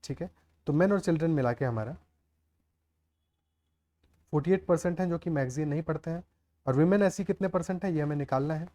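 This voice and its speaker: Higher-voiced man teaching maths. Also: brisk, pauses often, mellow. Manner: explains aloud, often checks the class with "clear?" and "okay". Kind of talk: step-by-step maths lesson.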